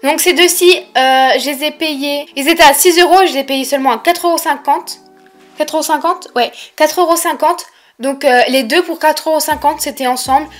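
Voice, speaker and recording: Casting: young female haul vlogger, high-pitched, lisping s, informal chatty delivery, faint music underneath. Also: normal speed. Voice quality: lisp on s sounds. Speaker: vlogger presenting a shopping haul. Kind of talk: casual chatty haul presentation.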